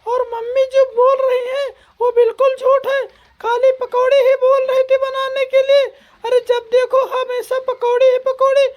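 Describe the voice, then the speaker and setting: A sharp-tongued young daughter-in-law, voiced by a woman in a comedy cartoon. She taunts and complains in a very high, squeaky voice. Her pitch barely moves. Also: level tone, moderate pace. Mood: complaining. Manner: sarcastic, taunting.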